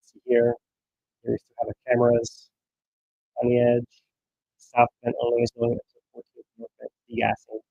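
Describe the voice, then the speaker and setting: Low, gravelly male co-host, rambling narration over video, garbled underwater-sounding remote mic, dry sound. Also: monotone, moderate pace, pauses often, no echo, phone-quality sound. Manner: loose, rambling narration with restarts. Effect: garbled underwater-sounding bad microphone connection. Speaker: volcano update co-host. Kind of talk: casual livestream commentary over eruption footage.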